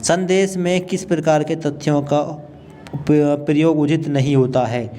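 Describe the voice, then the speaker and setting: A man working through multiple-choice exam questions and their answers in a steady, matter-of-fact way. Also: fairly high pitch, a little slow, a little hiss or hum. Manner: steady, matter-of-fact, repeats the right option. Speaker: teacher.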